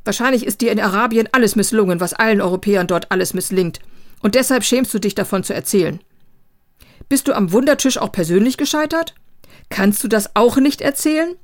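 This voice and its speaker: A woman's voice: medium pitch, fairly quick, lightly acted. A woman voicing a scornful, mocking old male scholar while reading a novel aloud. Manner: teasing, scolding.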